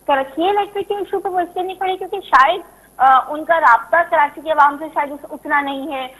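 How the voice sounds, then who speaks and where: Bright, high-voiced woman politician from Karachi. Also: a little fast, poor audio. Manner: insistent, repeats points for emphasis. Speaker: politician guest. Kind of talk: political talk-show interview.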